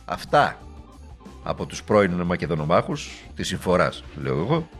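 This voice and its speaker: A man's voice: sits low, big pitch swings, faint music behind. Sarcastic man giving a political speech. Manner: sarcastic and rhetorical, mocking.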